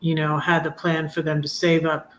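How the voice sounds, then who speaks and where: A woman in her fifties chatting on a live stream, rambling with many pauses and fillers, sometimes singing a hymn line slowly. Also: low-pitched, little pitch movement, a little hiss or hum. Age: 50s. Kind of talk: casual live chat.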